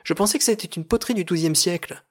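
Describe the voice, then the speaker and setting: A man's voice: high voice, quick pace, slightly rough, pitched above the performer's own voice. A man voicing a bewildered, easily swayed male collector who exclaims in surprise in a comic radio serial. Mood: surprised.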